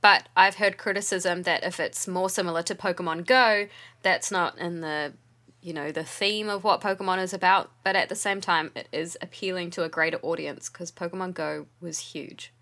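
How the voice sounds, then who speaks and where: A woman co-hosting a podcast in casual chat, sounding tired and speaking in a measured, agreeable way. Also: fairly low pitch, fairly even intonation, pushed and bright. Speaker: podcast co-host, museum and university worker.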